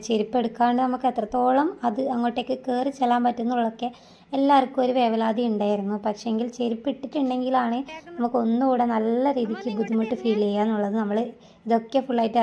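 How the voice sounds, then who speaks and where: A woman's voice: a little high, creaky, mellow. A woman with a Malayali accent narrating a casual vlog, mixing English words into her speech. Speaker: vlogger narrating a hill trek.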